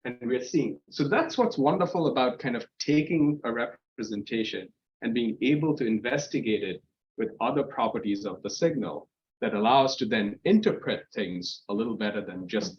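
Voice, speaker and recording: Recorded with the highs cut off, a man with a lowish voice speaks at normal speed as a guest lecturer at a university seminar in a lecture room. He explains things loosely, often using fillers and restarting sentences.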